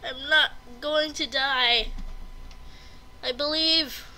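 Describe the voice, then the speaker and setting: A woman commentates her gameplay in a high, bright voice, her nose stuffy and congested. She talks at an unhurried pace and gasps whenever something startles her. There is a faint hiss under the recording. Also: fairly even intonation. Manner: easily startled, gasping and exclaiming. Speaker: gamer.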